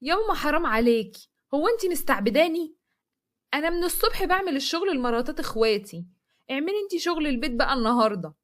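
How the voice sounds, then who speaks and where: A woman's voice: high voice, expressive, quick pace, pitched above the performer's own voice. A woman with an Egyptian accent voicing a weary, put-upon grown daughter who answers back with bitter sarcasm.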